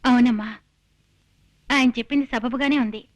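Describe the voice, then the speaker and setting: An actress plays a dutiful young daughter who speaks earnestly and with firm resolve. Her voice sits high, in a film drama scene. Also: steady tone, moderate pace, lo-fi sound, faint music behind, natural voice. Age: young adult. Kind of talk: film dialogue.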